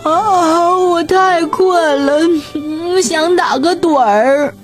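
A woman voicing a gentle, hungry and sleepy dog in a bedtime story, with a slow drawl. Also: high-pitched, lively intonation. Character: hungry, drowsy, good-natured dog. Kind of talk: storybook character voice.

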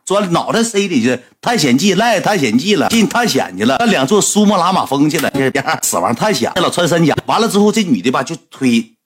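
A man with a Northeastern Chinese accent telling a comic story in a lively, colloquial way. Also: a little high, brisk. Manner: lively, colloquial, animated retelling.

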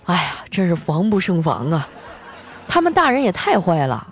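Young woman host, chatty comic storyteller, very lively pitch, faint music behind. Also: normal speed. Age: young adult. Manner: animated, self-mocking, chatty. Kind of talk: comic storytelling monologue with ad reads.

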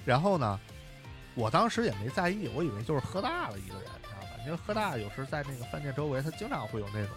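Fast-talking man telling a story. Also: medium pitch, over music. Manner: animated, chatty, many fillers and tag questions. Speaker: podcast co-host. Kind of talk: casual storytelling chat.

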